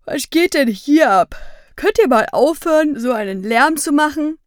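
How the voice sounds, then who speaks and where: A woman's voice: high-pitched, lively intonation, moderate pace, no echo, clean studio sound, voice pushed up. A woman reading an audiobook, voicing a grumpy, sulky boy who complains in an irritated way. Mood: annoyed.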